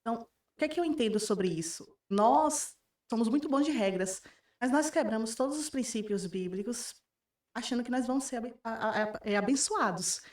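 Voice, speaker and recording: Brazilian woman therapist, high, dry sound. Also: moderate pace, no room sound. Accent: Brazilian Portuguese. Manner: earnest storytelling, acts out clients' words. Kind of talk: podcast conversation.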